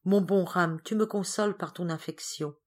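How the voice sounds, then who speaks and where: A woman's voice: on the low side, moderate pace, darkish tone, voice pushed up, close to an everyday voice. A woman voicing a frail, tearful young girl who speaks in a pleading, breathless way in a storybook reading. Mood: tender.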